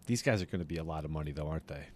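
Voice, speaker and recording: A man's voice: extremely low pitch, rapid-fire, slight background noise. Casual podcast host, man, laughs easily, rambles. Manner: laughing, chatty, tangents. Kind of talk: casual chat.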